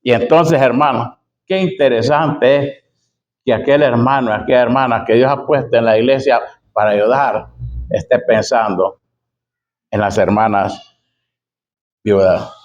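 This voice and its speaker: Slow, emphatic preacher man. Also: medium pitch, steady tone, lo-fi sound. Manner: emphatic, repeats key phrases slowly; addresses listeners as brother and sister. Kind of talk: sermon.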